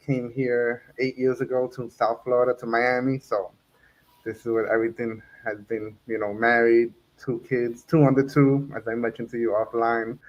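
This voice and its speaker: A man's voice: mid-range voice, little pitch movement, normal speed. Chatty male interview host, muffled sound. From New Jersey. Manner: chatty, laughs often, many fillers. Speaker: podcast host. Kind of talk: casual interview.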